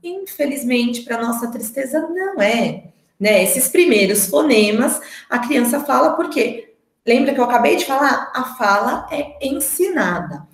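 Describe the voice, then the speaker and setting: A woman's voice: sits high, lively intonation, measured pace. A Brazilian woman speech therapist giving a live talk to parents, explaining expressively and asking rhetorical questions. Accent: Brazilian Portuguese. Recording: roomy echo.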